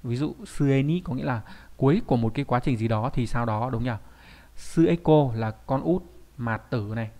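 A man's voice: medium pitch, fairly even intonation, brisk, a little mellow. Chatty man teaching kanji, quizzing students. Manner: chatty, asks rhetorical questions, tag questions. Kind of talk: online video lesson explaining kanji.

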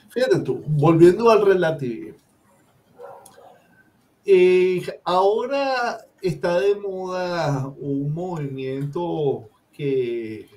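A man's voice: fairly high pitch, dark tone. A Venezuelan man, a guest professor, speaks emphatically and lectures his opinions in a live-stream discussion.

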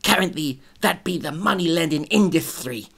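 A man's voice: extremely high pitch, measured pace, pushed and bright, pitched above the performer's own voice, full character voice. A woman voicing a male shark demon thug who drawls and taunts in a put-on accent. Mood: nervous bragging.

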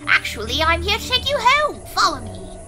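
A woman's voice: extremely high pitch, wildly swooping pitch, moderate pace, over music, exaggerated voice. A woman voicing an eccentric, kindly very old skeleton man in a theatrical game read-aloud. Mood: reassuring.

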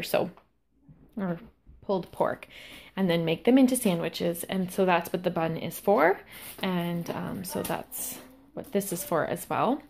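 A young woman with a low-pitched voice casually vlogs an unscripted grocery haul indoors at home. She holds the handheld camera herself, and the recording has clear background noise and handling clicks.

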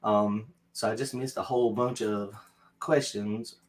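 A man's voice: fairly low pitch, steady tone, measured pace. A middle-aged man with a North Carolina Southern accent, chatting casually as a livestream host from a home studio, rambling with lots of fillers and restarts. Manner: rambling, self-deprecating, many fillers and restarts. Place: home craft studio, indoors.

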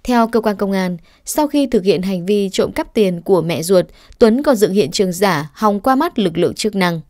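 A woman reading a news report voice-over in a steady, formal way. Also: medium pitch, moderate pace, no echo, studio quality.

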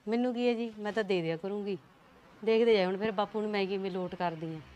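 A woman's voice: medium pitch, quick pace, background noise, close to an everyday voice. A woman playing a scheming daughter-in-law who sweet-talks her husband's family. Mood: placating. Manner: placating, sweet-talking.

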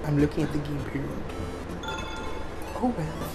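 A young man chatting crudely while playing a video game with friends in a living room, taunting and shouting mock insults. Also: a little high, measured pace, creaky, over loud music. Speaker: let's play co-host. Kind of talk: casual gaming chat.

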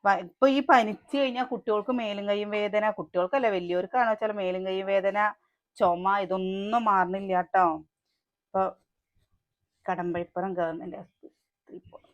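A woman's voice: medium pitch, fairly even intonation, moderate pace, highs cut off. A woman with a Malayali accent chatting to the camera in her home kitchen, cooking breakfast and calling out to her children. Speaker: family vlogger, mother. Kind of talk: casual home vlog narration.

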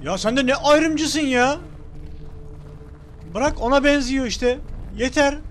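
A man's voice: extremely high pitch, slow pace. A man streaming a video game, commenting casually, swearing and talking back to what happens on screen. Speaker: gameplay streamer. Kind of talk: casual let's-play commentary. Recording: loud game music behind the voice. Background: game music.

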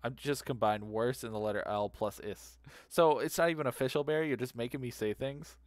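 A man streaming a game, talking to chat in a loose, rambling way and repeating words aloud. His voice sits in a middle pitch, and the sound is dry and close. He hums little tunes between thoughts. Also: brisk, dry recording. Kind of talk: casual chat while playing a game.

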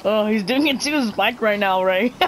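A man's voice: very high-pitched, lively intonation, a little slow, a bit bright, a little hiss or hum, rough recording. A man bantering and teasing his friends in casual voice chat while gaming, laughing often. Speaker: gamer.

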